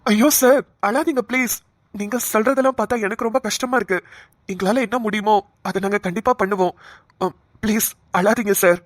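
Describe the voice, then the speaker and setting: A composed cartoon doctor, voiced by a woman, explains a grave situation in a calm, soothing manner. The voice sits at an ordinary middle pitch. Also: fairly quick, natural voice. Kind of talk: cartoon voice acting.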